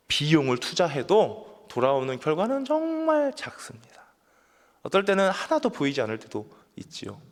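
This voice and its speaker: Earnest preaching man in a reverberant church. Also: mid-range voice. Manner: earnest, asks listeners questions, builds to emphatic peaks. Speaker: pastor. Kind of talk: sermon. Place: church sanctuary. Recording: long church hall reverb.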